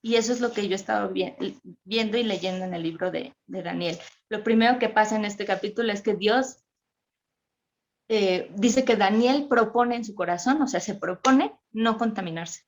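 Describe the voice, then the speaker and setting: A woman with a Mexican accent giving an informal Bible teaching at a women's meeting, chatty and expressive, acting out quotes with sudden high exclamations. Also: normal speed. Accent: Mexican Spanish. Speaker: speaker at a women's church meeting.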